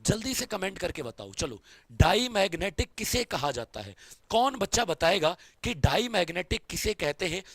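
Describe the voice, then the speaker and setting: A male science teacher giving an online exam-prep lecture, quizzing students over and over in a fond way. His voice cracks when he talks fast. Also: sits high, very animated, fairly bright tone. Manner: repetitive quizzing, calls students "beta" and "babu".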